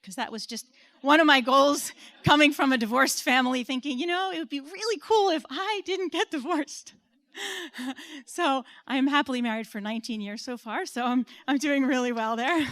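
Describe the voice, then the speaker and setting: On stage at an event, an American woman in her forties gives a conference talk that is earnest and personal, now and then laughing lightly at herself. Her voice is a little high with a fairly bright tone, recorded close and dry with no room echo.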